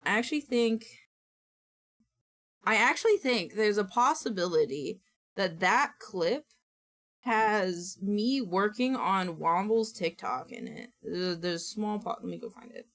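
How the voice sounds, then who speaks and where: Woman, mid-pitched, casual livestream chat, playful exasperation, casual swearing, slightly worn voice. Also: lively intonation, a little slow, a bit bright. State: voice nearly gone from strain. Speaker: streamer.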